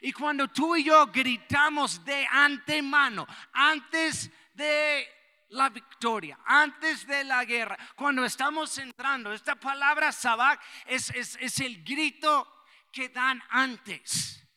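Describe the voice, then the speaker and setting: A pastor from the United States, preaching a sermon and rising to shouts for emphasis. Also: male voice, very high voice, slow. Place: church. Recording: long church hall reverb.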